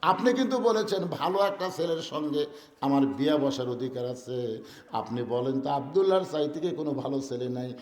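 A man preaching, quoting a bold, quick-witted young woman in his own high voice. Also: lively intonation, darkish tone, roomy sound, long reverb tail, natural voice. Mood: earnest.

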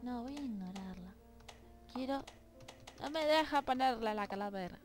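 A woman's voice: fairly high pitch, animated, normal speed, soft background music. A woman playing a game, reading its lines aloud in silly voices and chatting playfully to its characters. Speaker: let's play gamer. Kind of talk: let's play commentary reading game text aloud. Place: home room with dogs nearby.

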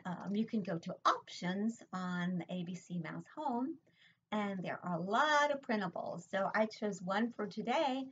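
Recorded on a webcam laptop mic in a home room, the audio is dull and lo-fi with a little hiss or hum. An older preschool teacher leads a sing-song online class, posing questions to the children in a medium-pitched, slightly bright voice.

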